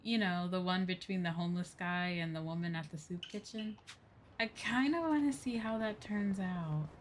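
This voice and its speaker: Here a woman streamer with a fairly low voice talks at a normal speed, casually and expressively commentating her livestream and voicing the game's on-screen text. There's game music and a bit of background noise.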